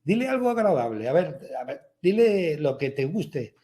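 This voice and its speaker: A man voicing a patient father who gently teaches his young son a lesson, as part of a story he tells. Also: fairly high pitch, big pitch swings, moderate pace. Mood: gentle teaching.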